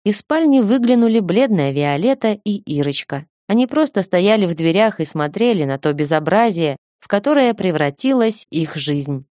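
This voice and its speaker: A woman reading a first-person audiobook in a steady storytelling manner. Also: medium pitch, moderate pace, hardly any pauses, no room sound, clean studio sound. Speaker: audiobook reader.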